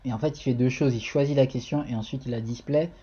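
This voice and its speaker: A man's voice: mid-range voice, steady tone, fast, dark tone, breathy edge, highs cut off. A man streaming a casual live-coding tutorial, thinking aloud and talking to viewers in the chat.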